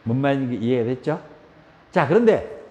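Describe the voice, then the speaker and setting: A man with a Gyeongsang Korean accent teaching a yoga class, asking questions and acting out shouts. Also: mid-range voice, moderate pace, dull audio. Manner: lively, asks the class questions, acts out shouts. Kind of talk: spoken yoga lecture. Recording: roomy hall echo.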